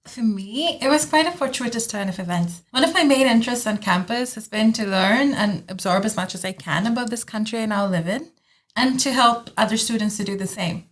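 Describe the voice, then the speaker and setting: Woman from India, young adult, higher pitch, measured, prepared podcast remarks. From West Bengal, India. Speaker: student podcast co-host. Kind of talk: scripted podcast talk.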